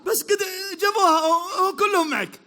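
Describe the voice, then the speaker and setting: A Saudi man hosting a quick quiz for a crowd, upbeat and teasing, repeating praise and calling out to the audience. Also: very high voice, bright, forceful tone. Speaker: quiz host at a public event.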